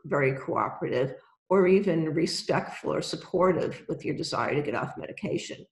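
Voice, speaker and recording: A health coach giving an instructional wellness presentation, speaking deliberately and directly to the listener. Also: mid-range voice, creaky. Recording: roomy, echoey sound.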